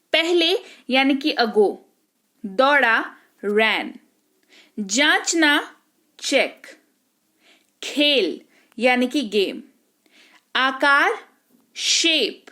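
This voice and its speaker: Casting note: woman teacher, high voice, unhurried word-by-word delivery. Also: fairly bright tone. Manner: slow, explains each word with checks like "ठीक है?". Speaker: English teacher. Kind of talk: vocabulary lesson.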